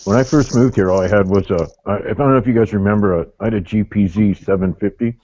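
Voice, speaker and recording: A man's voice: on the low side, quick pace, warm tone, dull audio. A middle-aged man chatting casually and telling anecdotes in a group. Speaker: motovlogger in a group hangout.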